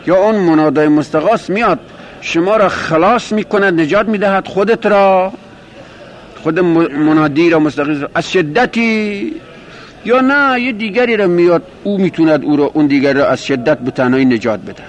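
A man teaching a grammar lesson, explaining step by step, asking and answering his own questions, and slowing down to repeat quoted phrases. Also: sits high. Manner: repeats and rephrases terms, slows on quoted Arabic. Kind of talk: classroom lecture explaining a grammar text.

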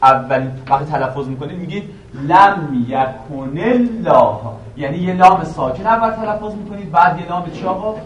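A male teacher giving a classroom grammar lesson, quizzing his students with questions and reciting a verse slowly again and again. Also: high-pitched, fairly bright tone, highs cut off, slight background noise. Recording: echoey room, voice from a distance.

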